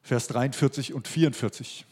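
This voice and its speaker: A man's voice: mid-range voice, normal speed, a little mellow, slightly rough. A man preaching a sermon as pastor, emphatic and repeating his key phrases.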